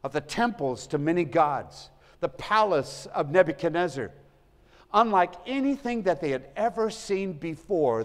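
Male pastor, slightly higher voice, earnest sermon delivery with big volume swings, church hall reverb. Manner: earnest, swells and drops in volume for emphasis. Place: church sanctuary.

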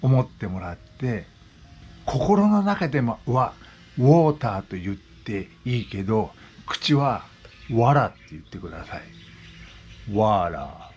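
A man's voice: mid-range voice, very animated, slow pace, a little mellow, faint music behind. A man in his sixties talking casually as a vlogger, explaining things with repeated examples. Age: 60s. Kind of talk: casual monologue. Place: West Oahu, Hawaii.

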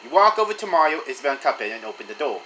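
A man casually reading a text adventure aloud, in an animated voice that stumbles and restarts now and then. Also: mid-range voice, racing, slight background noise, low-quality recording. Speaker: channel host reading a story game aloud.

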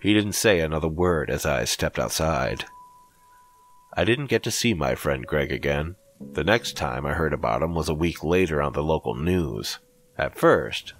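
Male horror storyteller, very low voice, lively pitch, measured scripted delivery. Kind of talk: scripted narration.

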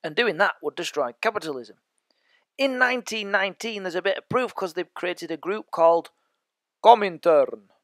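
A man's voice: high-pitched, expressive, brisk, fairly bright tone, no room sound. A man teaching a history lesson as a podcast, chatty and joking with his listeners. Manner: chatty, jokey asides to listeners. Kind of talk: educational podcast lecture.

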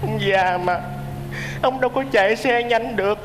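Một người đàn ông đóng vai người kể lại nỗi đau của một ông lão, giọng buồn bã nặng nề. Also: male voice, high voice, moderate pace, background noise, close to an everyday voice. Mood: sorrowful. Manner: mournful, heavy storytelling. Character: sorrowful man telling of a grieving old man. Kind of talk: stage comedy sketch.

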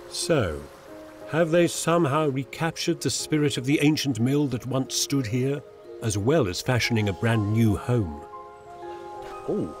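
A man in his sixties presenting a home-renovation documentary, narrating and chatting on site with wry, enthusiastic exclamations. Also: medium pitch. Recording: music bed under narration.

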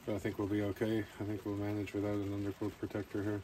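A man's voice: fairly low pitch, monotone, fast talker. A man rambling casually to camera as he narrates a camping vlog outdoors. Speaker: camping vlogger. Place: outdoors at a rainy campsite. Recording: faint outdoor ambient noise.

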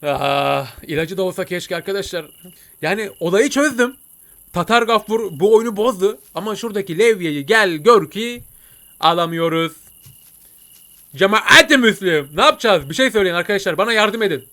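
A man voicing an excitable, jokey male cartoon cat who comments on a game and talks to his viewers. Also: sits high, moderate pace. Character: chatty male cartoon cat gamer, jumpy. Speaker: gameplay commentator. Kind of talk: let's-play commentary.

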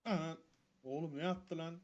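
A man's voice: a little high, fairly even intonation, moderate pace, a little mellow. Jumpy man commenting a horror game. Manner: jumpy, swears and mutters prayers when scared. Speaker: gaming streamer. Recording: dull lo-fi mic with faint noise.

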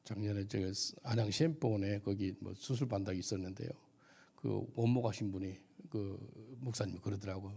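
A man's voice: lowish voice, fairly quick, gravelly, mellow, husky. A missionary pastor giving a testimony sermon at a church service, telling his story vividly and asking the audience questions.

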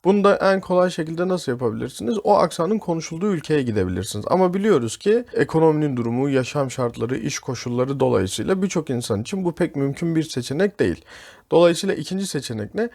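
A man's voice: a little high, expressive, fast talker, vocal fry, a little mellow. A man with a Turkish accent, an English teacher talking through a podcast lesson and addressing listeners as friends.

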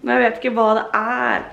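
A young woman vlogging her birthday morning at home, talking casually and getting excited and teary. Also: a little high. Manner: excited, swearing, tearful exclamations. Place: apartment indoors.

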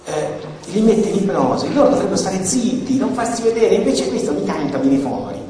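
A man gives a blunt, colloquial conference talk, his pitch swinging lively as he acts out exchanges. He sounds far from the microphone in a very echoey hall, with a long reverb tail and faint noise behind. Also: brisk. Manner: animated, blunt, acts out dialogues. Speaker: conference speaker.

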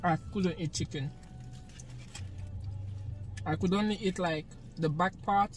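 A woman's voice: on the low side, slow pace, soft background music. A young Jamaican woman chatting casually while eating on camera in a parked car at night, often breaking into laughter. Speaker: vlogger. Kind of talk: casual eating-show chat.

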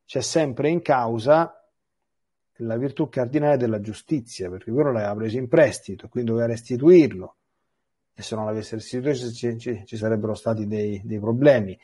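A man, a priest, teaching a biblical catechesis, reading scripture aloud and commenting on it in an animated, digressive way with stammered restarts. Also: mid-range voice, normal speed, husky.

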